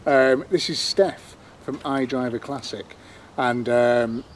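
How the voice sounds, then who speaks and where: A man's voice: medium pitch, slow pace, slight background noise, rough recording. A man hosting a podcast in casual chat, rambling and hesitant with many fillers, recorded outdoors at his workshop on a clip-on mic. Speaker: podcast host.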